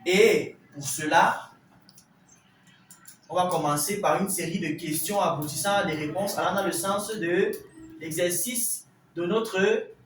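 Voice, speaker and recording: A man teaching a language class, explaining exercises slowly and deliberately, step by step. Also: sits high, a bit bright. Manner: slow, deliberate, spelling out each step. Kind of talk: classroom instruction. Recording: echoey room from a distance, faint hiss.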